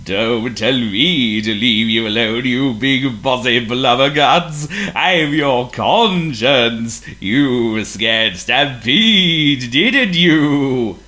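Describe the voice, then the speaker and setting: A man voicing an eerie, scolding ghostly conscience in a storybook reading, wailing slow and drawn-out. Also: mid-range voice, sharp tone, pitched above the performer's own voice. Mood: spooky, scolding.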